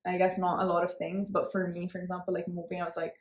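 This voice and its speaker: A woman's voice: on the low side, completely flat delivery, fast talker. A young woman hosting a podcast in an upbeat, chatty way, with many fillers. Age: young adult. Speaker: podcast host. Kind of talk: casual chat. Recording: roomy echo.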